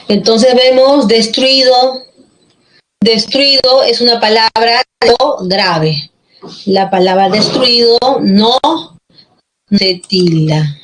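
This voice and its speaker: A woman's voice: medium pitch, low-quality recording. A woman teaching an online class, patient and checking often that students follow, with a Peruvian Spanish accent.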